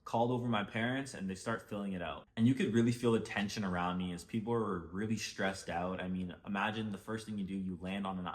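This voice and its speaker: A young man with a somewhat low voice narrates a vacation mishap for his channel. He talks in a relaxed, conversational way, often leaning on filler words like "like" and "basically.". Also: quick pace, hardly any pauses. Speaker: storyteller. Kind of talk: casual storytime narration.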